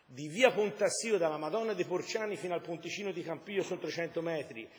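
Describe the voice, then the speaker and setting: A man addresses the council in a fairly high voice, going back over his points again and again. The long reverb of a council chamber trails behind his words. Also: fast. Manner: repetitive, explanatory, speaks in circles. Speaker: deputy mayor. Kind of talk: formal council speech.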